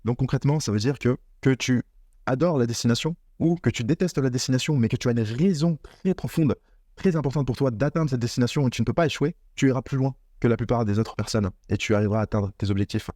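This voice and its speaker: A man's voice: mid-range voice, fast talker, warm tone, no room sound, clean studio sound. A man giving a motivational talk on business mindset straight to the viewer, earnest and repetitive. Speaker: online business coach. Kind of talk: direct-to-camera motivational talk.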